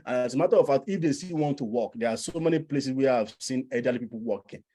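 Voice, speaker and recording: A man with a Nigerian accent, working as an immigration coach and presenter, gives an informal explanatory presentation to an audience. His mid-range, dark-toned voice moves at a quick pace as he persuades, repeating phrases for emphasis.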